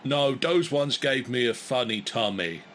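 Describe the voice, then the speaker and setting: A man voicing a bickering, friendly two-headed cave creature in a tabletop game, with slow, simple phrasing. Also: mid-range voice, expressive, a bit bright, slight background noise. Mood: helpful.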